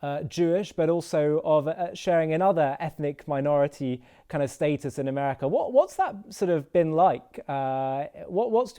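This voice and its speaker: Hesitant male interview host, smooth voice. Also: on the high side, warm tone. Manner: hesitant, many fillers and restarts. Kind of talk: casual interview.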